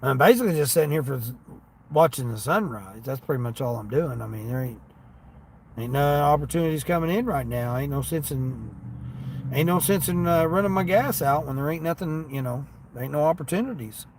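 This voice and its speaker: Steady vehicle and ambient noise fill the background as a livestream host, a gig delivery driver, rambles folksily to his viewers from a parked vehicle. He speaks a little fast in a fairly high voice, with an American accent carrying a Southern tinge.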